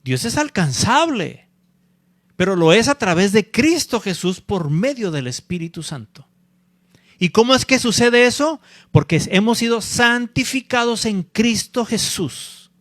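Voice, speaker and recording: Pastor preaching slow and steady, high voice, dry close sound, keeps asking the church "¿sí?". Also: male voice, no echo. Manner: deliberate, checks in with the congregation by asking "¿sí?"; repeats key phrases for emphasis. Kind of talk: sermon.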